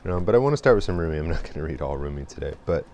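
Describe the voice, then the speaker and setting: A man with a very low voice reflects aloud in a slow, wandering way, pausing often and trailing off with fillers. A faint hiss sits under the recording. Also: lively intonation, darkish tone. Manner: slow and meandering, with many pauses and fillers. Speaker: host. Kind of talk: reflective spoken monologue.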